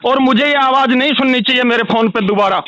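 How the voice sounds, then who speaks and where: An angry man complaining loudly on a recorded phone call. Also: extremely high pitch, fast. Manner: furious, ranting, repetitive. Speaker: angry caller.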